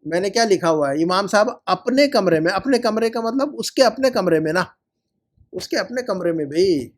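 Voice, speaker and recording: A male Arabic teacher going over homework in an online lesson, explaining in Hindi-Urdu sprinkled with English and repeating words slowly for drilling. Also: high-pitched, animated.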